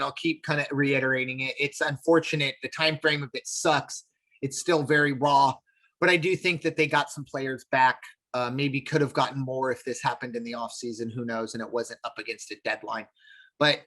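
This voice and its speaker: A man co-hosting a sports podcast in a slightly higher register. He talks in loose, rambling stretches, restarting sentences and padding them with "um" and "obviously.". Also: a bit bright. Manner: rambling, many fillers and restarts. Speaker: podcast co-host. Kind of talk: casual sports talk.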